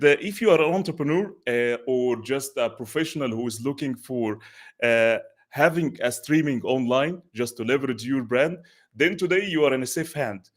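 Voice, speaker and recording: A man hosting an online interview show, effusive and halting, with many fillers. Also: medium pitch. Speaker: show host.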